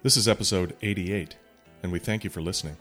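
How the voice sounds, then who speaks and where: A podcast host, a man with a very deep voice. He reads a scripted intro and then asks questions in a casual, halting way. Faint music plays softly behind him. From United States. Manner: hesitant, repeats words when asking.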